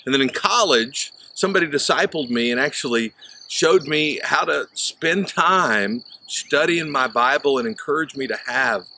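A pastor in his fifties from southern Illinois gives a conversational sunrise sermon in an open field at dawn, with faint birds and insects around him. His medium-pitched voice is animated, pushed and bright at a normal speed, with frequent "uh" fillers. A camera frames him at the chest with an unseen mic, and there's a little hiss or hum.

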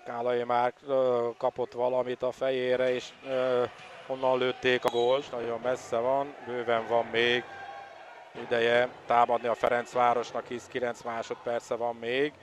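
Excitable male sports commentator, noisy venue. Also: mid-range voice. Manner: excitable, partisan home-side commentary, swelling at attacks and goals. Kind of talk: live water polo match commentary.

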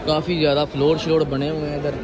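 Over a noisy crowd, a young man vlogs in a shopping mall, talking to a phone camera held at arm's length. His voice is on the high side with little pitch movement, and he talks fast, casual and joking with a bit of boasting.

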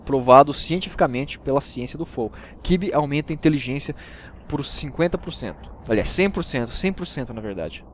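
A man's voice: medium pitch, lively intonation, brisk, a little hiss or hum. A Brazilian man hosting a comic let's play, chatting with viewers and exclaiming often. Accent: Brazilian Portuguese. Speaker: gaming channel host.

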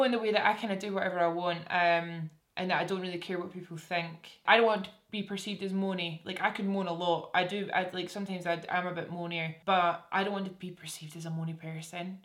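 A young Scottish beauty vlogger with a fairly low, fairly bright voice chats casually to camera in a small room with a curtain backdrop. She responds to viewers' assumptions in a self-deprecating way, restarting her sentences often.

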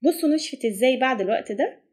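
Brisk high-voiced Egyptian woman. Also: expressive, a little mellow. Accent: Egyptian Arabic. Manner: brisk step-by-step instructions. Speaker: cooking channel host. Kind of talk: recipe voice-over narration.

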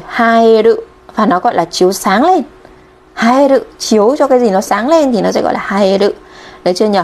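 A woman's voice: fairly high pitch, darkish tone. A woman from Vietnam teaching Japanese kanji on a live stream, chatty and checking in with viewers constantly.

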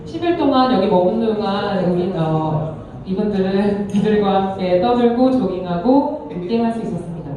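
A woman's voice: medium pitch, lively intonation, moderate pace, dark tone. A woman working as a consecutive interpreter, speaking hesitantly and correcting herself as she goes. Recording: very echoey hall, distant microphone.

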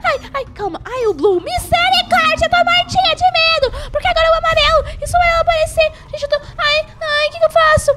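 A woman's voice: very high voice, background noise. A woman hosting a let's-play, narrating her game in jumpy exclamations and talking to viewers and to herself. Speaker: gaming channel host. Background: game music.

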